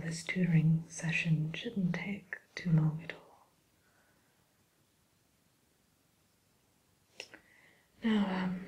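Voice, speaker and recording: A woman playing a sly, genteel wicked witch in an ASMR roleplay, speaking in a breathy whisper with polite, coaxing hesitations. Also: on the low side, darkish tone, natural voice. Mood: politely welcoming. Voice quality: breathy whisper, mostly unvoiced. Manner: slow, polite, hesitant, coaxing tag questions.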